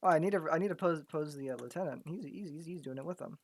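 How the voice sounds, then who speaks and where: A man's voice: on the high side, fast, vocal fry. Guy talking thru his art project, kinda losing his voice, keeps repeating words, just chatting. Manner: thinks aloud, stammers and repeats words. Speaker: graphic artist. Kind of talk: casual commentary while working.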